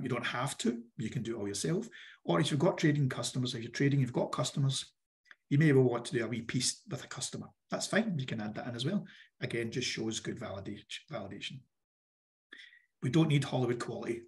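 A man presents a workshop on funding applications, his voice croaky and he clears his throat now and then. His pitch sits in the middle range for a man. He speaks in a direct, instructive way and keeps coming back to the key points.

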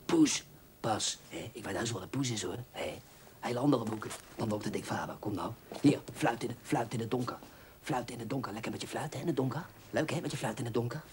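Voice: medium pitch, fast, a little mellow, a little hiss or hum, close to an everyday voice. A performer playing a pushy, overfamiliar book fan in a film comedy sketch, nudging with constant asides and sly whispers. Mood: leering. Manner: insistent, keeps nudging with "hè?" and drops into sly whispers.

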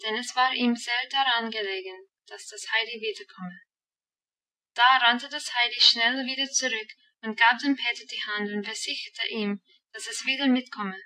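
A woman narrating an audiobook in a calm, even storytelling voice. Her tone is bright and somewhat high, and she sounds a little distant from the mic. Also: normal speed. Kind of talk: scripted narration.

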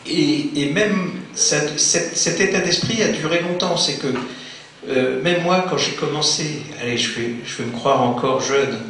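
A man's voice: fairly high pitch, measured pace, fairly bright tone. Man lecturing in a very echoey hall. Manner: conversational, many fillers and restarts, jokes with audience. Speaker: conference speaker. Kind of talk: conference lecture on AI history. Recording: very echoey hall, faint noise.

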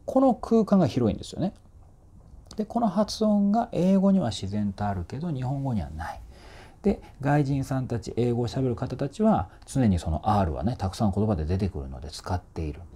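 A man's voice: mid-range voice, very animated, brisk, dark tone, breathy edge. A man working as a voice trainer, explaining singing technique in a chatty, informal way and demonstrating vowel sounds.

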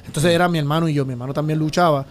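A man in his thirties from the Dominican Republic, telling his story as a podcast guest in a small studio with his own mic, lively with sound effects. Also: a little high, slight background noise. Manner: animated, fast storytelling with sound effects and gestures. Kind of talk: casual storytelling interview. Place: small studio with dark curtains. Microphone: studio mic on boom arm, headphones.

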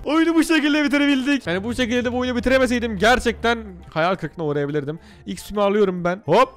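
A man giving lively live gameplay commentary, excitable and talking to himself and the game as he plays. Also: very high-pitched, fast talker. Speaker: gaming YouTuber.

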